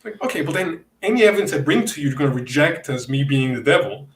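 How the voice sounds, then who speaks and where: A man's voice: on the high side, animated, fast. Blunt Italian-accented man, echoey room. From Italy. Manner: blunt, heated, profane about opponents. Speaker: podcast host. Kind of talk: casual debate podcast chat.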